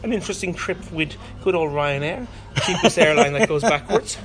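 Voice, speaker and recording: An Irish man appears as a podcast guest representing a gaming event, chatting casually and wryly with jokey banter. His fairly high, animated voice is brisk, and the hotel breakfast area around him adds clearly noisy room ambience.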